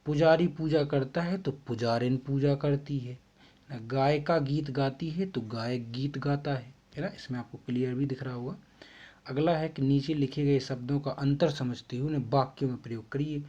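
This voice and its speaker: Man teaching a school lesson, husky voice, dull lo-fi sound, casual, step-by-step answers. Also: mid-range voice, fairly even intonation, normal speed, dark tone. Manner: explains step by step, repeats answers. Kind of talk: casual exam-prep lesson. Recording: dull lo-fi recording.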